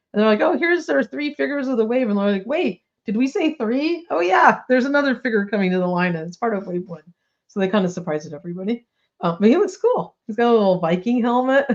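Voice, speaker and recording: On dull-sounding audio, a woman with a medium-pitched voice co-hosts a toy news podcast. Chatting casually, she's bubbly and leans on lots of "likes" and "ums" while coming down with a slight cold.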